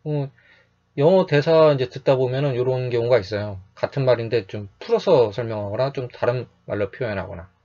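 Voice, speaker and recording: A man teaching English phrases in a calm, explanatory lecture, repeating each phrase slowly and often adding a short "yes". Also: mid-range voice, dull audio.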